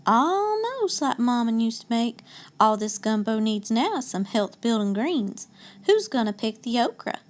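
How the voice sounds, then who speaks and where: A woman voicing an old, grumpy male alligator cooking gumbo in a storybook read-aloud, with a slow, determined drawl. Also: on the high side, big pitch swings.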